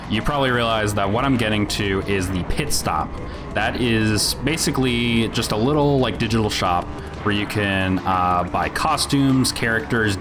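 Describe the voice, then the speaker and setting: A man giving a casual, sweary gaming rant in a rambling, sardonic, grumpy-old-man grumble. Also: fairly low pitch. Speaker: video game reviewer. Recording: music behind the voice. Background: music.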